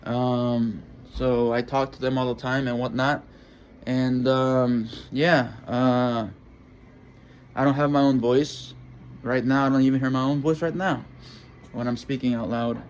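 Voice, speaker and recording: Halting, rambling male vlogger. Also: medium pitch, fairly even intonation, a little hiss or hum. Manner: halting and rambling, searching for words. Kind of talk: casual monologue to camera.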